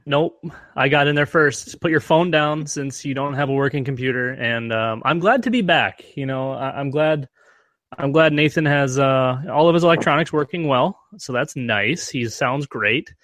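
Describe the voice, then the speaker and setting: A man's voice: mid-range voice, normal speed, a bit bright, no room sound. A man co-hosting a podcast, ribbing his co-host in casual chat. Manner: wry, ribbing.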